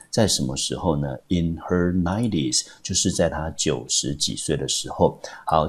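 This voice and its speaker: Deep husky guy teaching english words step by step, lots of filler words. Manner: patient, explains step by step with many fillers. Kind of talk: vocabulary lesson.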